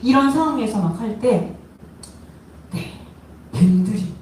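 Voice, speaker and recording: A woman's voice: mid-range voice, expressive, measured pace, darkish tone. A woman pastor preaching a sermon, asking the congregation questions and acting out quoted voices. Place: worship hall. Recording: echoey room from far off, faint noise.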